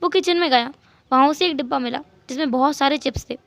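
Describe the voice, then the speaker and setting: Brief: woman storyteller, high voice, dry close sound, lively retelling. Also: quick pace, vocal fry, no room sound. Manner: lively retelling with English words mixed in. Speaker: narrator. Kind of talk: storytelling fan dub narration.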